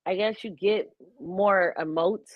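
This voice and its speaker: A woman's voice: medium pitch, takes it slowly, no echo, lo-fi sound. A woman from the San Francisco Bay Area, a guest streamer talking in a casual, earnest and caring way. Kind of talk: casual chat.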